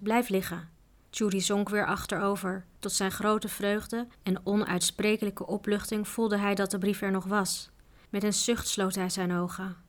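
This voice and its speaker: Woman reading an adventure book out loud, steady even voice. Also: medium pitch. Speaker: audiobook reader. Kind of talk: storybook narration.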